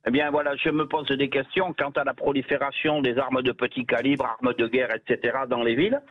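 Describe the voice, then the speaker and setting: A male radio caller sounds thin and tinny over a phone line. He speaks earnestly and asks pointed questions, but he quickly agrees when the host pushes back. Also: mid-range voice, little pitch movement. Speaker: caller, hunter. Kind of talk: call-in testimony.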